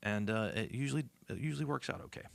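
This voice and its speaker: A man's voice: lowish voice, lively intonation, quick pace, gravelly, no echo. A male musician from the southern United States, telling rambling stories with lots of fillers. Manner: rambling, many fillers, acts out voices. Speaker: musician guest. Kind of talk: casual storytelling.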